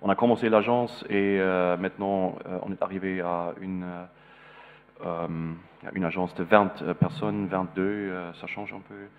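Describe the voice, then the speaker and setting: A lowish-voiced man with a foreign, German accent gives a public lecture in a language that is not his native one. He speaks haltingly, searching for his words, and the sound is narrow like a phone line. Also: steady tone. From East Germany. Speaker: visiting architect lecturer.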